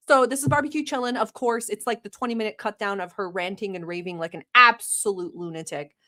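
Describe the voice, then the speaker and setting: A young woman from Turkey, a native Turkish speaker, hosts a livestream with a mid-range voice that's a little fast, bright, and forceful. Reacting to a video in casual chat, she teases, laughs often, and swears casually.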